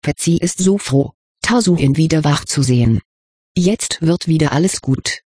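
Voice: mid-range voice, lively intonation, measured pace, a little mellow, slightly rough, no room sound, studio quality. A reader voicing a devoted little female house-elf who speaks of herself in the third person, in an audiobook. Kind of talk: audiobook character reading.

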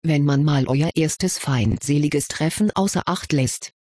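A reader voicing an old, wise male headmaster wizard who explains things calmly, in an audiobook reading. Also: medium pitch, unhurried, dry recording, studio quality, lightly acted.

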